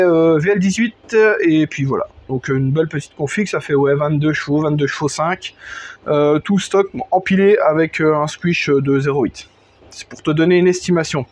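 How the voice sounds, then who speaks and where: Casting: high-pitched, chatty male workshop vlogger, loose and slangy, lots of hesitations, outdoors. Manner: chatty, many fillers, slangy, talks to the viewer. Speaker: moped tuning vlogger. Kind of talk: casual workshop vlog. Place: outdoors under a gazebo in front of his house.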